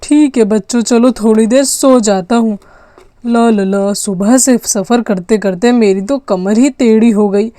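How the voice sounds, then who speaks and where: A woman's voice: a little high, a little slow, dark tone, no echo, studio quality, natural voice. A woman voicing a tired father of two in a doll story, talking in a fussy, scolding way. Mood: weary. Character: grown man, tired father of two kids. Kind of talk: doll story role-play.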